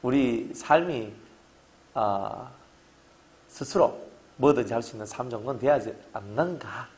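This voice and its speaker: A middle-aged man, preaching a sermon to his congregation in a lively, joking way and often asking them to agree. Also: mid-range voice, unhurried. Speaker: pastor.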